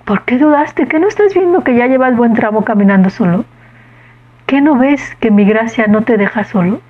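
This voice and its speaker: A woman voicing a serene, patient grown man who speaks with calm authority. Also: on the high side, normal speed, muffled recording. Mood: calm, reassuring.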